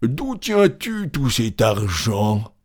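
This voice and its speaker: A man's voice: medium pitch, very animated, very slow, exaggerated voice. A man voicing a greedy, envious male peasant in a storybook reading. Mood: suspicious. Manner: gruff, then hawking loudly.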